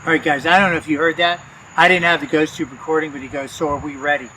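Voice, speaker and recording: A man hosting a paranormal vlog, speaking in a hushed, coaxing way as he addresses spirits in a cemetery at night. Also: fairly high pitch, steady tone, fast talker, slight background noise, low-quality recording. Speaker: paranormal investigator host. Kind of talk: casual vlog narration.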